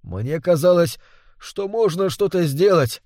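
A man's voice: high-pitched, expressive, a little slow, a little mellow, dry recording, clean studio sound, voice pushed up. A man voicing a desperate, anguished husband pleading for help against a vampire. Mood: weary. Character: desperate middle-aged man haunted by a vampire. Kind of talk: audiobook character reading.

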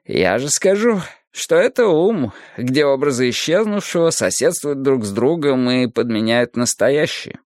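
Brief: man doing a calm, sorrowful philosopher-teacher for an audiobook, slow and measured, lively pitch, dry read. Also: no room sound. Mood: musing. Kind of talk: audiobook character reading.

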